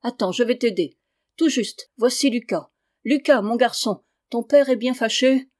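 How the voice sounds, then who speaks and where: A woman's voice: on the high side, a little slow, a little mellow, natural voice. A woman reading aloud the part of a firm, kindly farmer's wife in a classic storybook.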